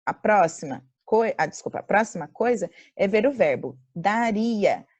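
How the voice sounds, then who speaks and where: A woman's voice: medium pitch, lively intonation, a little mellow, lo-fi sound. Brazilian woman teaching grammar over video call. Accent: Brazilian Portuguese. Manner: slows to dictate examples, quizzes the class. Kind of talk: online grammar lecture.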